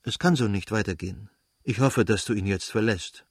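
A man's voice: fairly low pitch, moderate pace, breathy edge, no echo, studio quality. A man voicing a guilty young officer who speaks urgently and earnestly, read in the reader's own voice.

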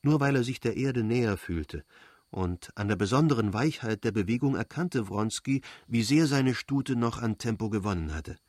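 A man narrates a novel in an audiobook, steady and measured, at a middling pitch. The sound is dry and close, with no room around the voice. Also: dry recording. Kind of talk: scripted narration.

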